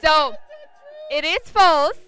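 A woman running a street interview, briskly reading out quiz questions outdoors at night. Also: high voice, pushed and bright, some chatter behind.

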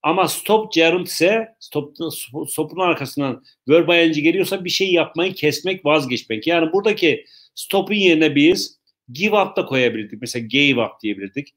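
A man teaching English in a live online lesson, explaining slowly, repeating himself and joking with viewers' questions. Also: fairly high pitch, expressive, fairly bright tone.

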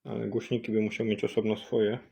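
Brief: deeper-voiced guy doing a casual gadget unboxing, unsure and halting, on a cheap USB mic. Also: level tone, vocal fry, mellow, breathy edge. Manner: hesitant, thinking aloud with many fillers. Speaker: product tester vlogger. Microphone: cheap USB microphone.

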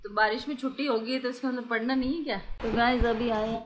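A woman's voice: fairly high pitch, steady tone, fast, lo-fi sound. A woman and mother chatting casually to viewers in a home vlog. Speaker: vlogger and mother. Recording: echoey room, noisy background.

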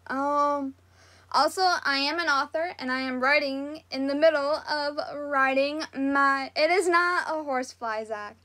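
Southern lady almost 40, high voice, slow rambly livestream chat w lots of ums. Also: fairly even intonation, sharp tone. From Southwest Florida. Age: 30s. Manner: rambling, giggly, lots of fillers. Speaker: livestream talk show host. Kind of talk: casual chat with live chat viewers.

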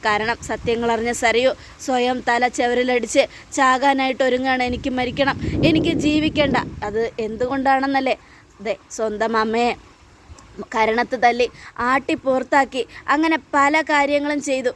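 A woman recapping TV serial episodes in a brisk storytelling manner. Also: high-pitched, fairly even intonation, noisy background. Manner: brisk storytelling with fillers and restarts. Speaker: TV serial reviewer.

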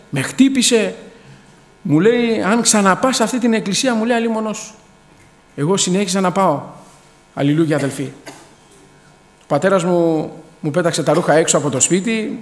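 Fervent high-voiced man in an echoing hall. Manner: fervent, punctuated with hallelujahs and addresses to the brethren. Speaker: church member giving testimony. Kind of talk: testimony in church. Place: church hall. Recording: long hall reverb.

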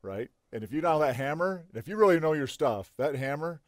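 An older man from Idaho co-hosting a sports talk show, chatting casually and excitedly. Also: on the high side, a little fast, dry recording, clean studio sound. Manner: excited and boisterous. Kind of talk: casual chat.

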